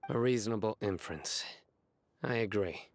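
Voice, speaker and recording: An actor playing a stern, disciplined general in a video game, with a formal, serious, measured manner. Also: male voice, lowish voice, slight background noise, natural voice. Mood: deadpan.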